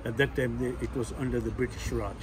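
A man's voice: medium pitch, fairly even intonation, fast. A middle-aged man from Kenya, a postal worker, explaining things earnestly outdoors by a loading bay and often repeating his words. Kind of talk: casual chat. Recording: street noise behind.

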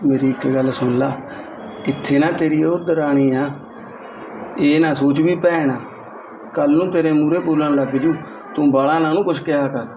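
A man playing an easygoing husband who jokes with his wife and gives calm advice, in a short film. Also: on the high side, normal speed, long pauses, natural voice. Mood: teasing. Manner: relaxed, joking. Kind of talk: Punjabi short film acting. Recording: roomy, dull, noisy.

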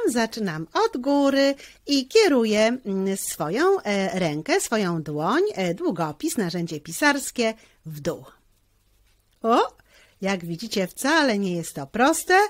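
Woman teaching handwriting, lively pitch. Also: no room sound, clean studio sound. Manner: slow, step-by-step instruction with frequent hesitation fillers. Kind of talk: handwriting lesson for children.

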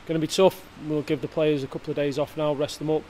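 Hesitant football manager. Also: male voice, on the high side, flat delivery, quick pace, warm tone, a little hiss or hum. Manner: hesitant, many fillers and restarts. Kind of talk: post-match interview. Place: indoor press area before a sponsor board.

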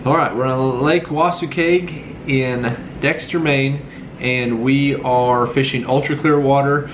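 A man's voice: mid-range voice, steady tone, takes it slowly, background noise. A man in his thirties, hosting a fishing channel, gives an upbeat casual intro straight to a camera in a small indoor room. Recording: roomy indoor echo.

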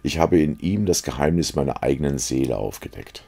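A man's voice: extremely low pitch, lively intonation, brisk, gravelly, dark tone, slightly rough, exaggerated voice. A man reading aloud as an earnest, secretive young painter who confides and pleads. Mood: earnest, confiding.

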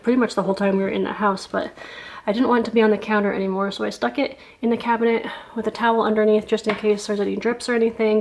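Filming herself in her kitchen on a handheld camera held at arm's length, a home vlogger in her thirties chats through cleaning and cooking, rambling and using plenty of fillers. Her voice is mid-range, and the room sounds echoey.

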